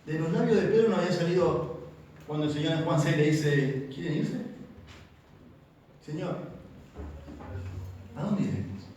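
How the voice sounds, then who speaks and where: Emphatic Argentine preacher in an echoey church. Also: male voice, a little high, fairly quick, darkish tone, recorded from a distance, slight background noise. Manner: emphatic, asks the congregation questions. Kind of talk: sermon.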